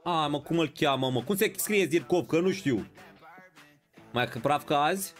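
A man's voice: fairly high pitch, a bit bright, faint music behind. A man streaming a football video game live, bantering with his chat and playing up mock outrage. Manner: banters and greets viewers in chat.

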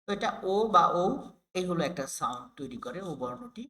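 A man, from Bangladesh, teaching a phonics lesson for children, slowly repeating each sound and word many times. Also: medium pitch, animated, bright, forceful tone.

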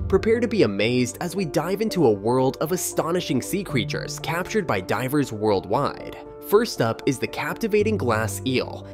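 Nature documentary narrator: dramatic scripted voice-over with wide, animated pitch swings, set over music. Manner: dramatic, presentational delivery. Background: background music.

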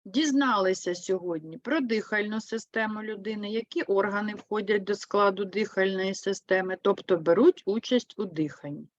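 A woman teaching an online lesson for third graders, with a Ukrainian accent, speaking slowly and clearly and putting lively stress on key words. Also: medium pitch, dry recording, muffled recording. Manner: slow, clear, explains with lively emphasis. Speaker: primary school teacher.

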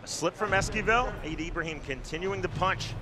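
A male sports commentator with a high-pitched voice. He delivers live fight play-by-play in short, clipped announcing phrases. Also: fairly quick, over a noisy crowd.

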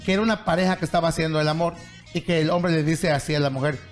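A man, a comedian co-host, telling a joke on a talk show in an animated, laughing way. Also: a little high, racing, faint music behind.

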